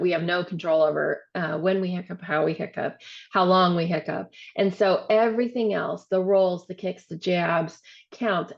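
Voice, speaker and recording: A woman director giving a webinar training, explaining step by step with frequent "um" and "so", her voice showing some vocal fry. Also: lowish voice, darkish tone, lo-fi sound. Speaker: program director presenting a training. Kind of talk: webinar presentation.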